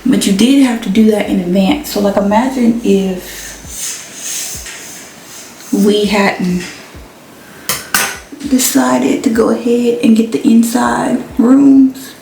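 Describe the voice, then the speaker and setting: A young woman talks to her viewers in a chatty, slangy way, her voice a little high and mellow rather than bright. She sits back from the mic in a roomy, echoing space. Faint clatter of dishes drifts in behind her. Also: a little slow, creaky, slight background noise. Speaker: vlogger. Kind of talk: casual chat. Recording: echoey room, mic at a distance.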